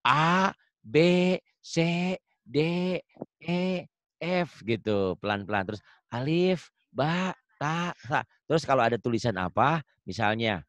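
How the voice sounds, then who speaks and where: A man with a Sundanese accent teaching a Quran reading lesson over a video call, patiently modeling syllables slowly for the student to repeat, with light teasing. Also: mid-range voice, big pitch swings, a bit bright, dry recording. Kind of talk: online one-on-one reading lesson.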